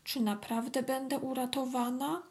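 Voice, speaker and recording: A woman voicing a tiny, frightened female ant that pleads in a high, wistful voice. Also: unhurried, gravelly, full character voice. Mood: worried.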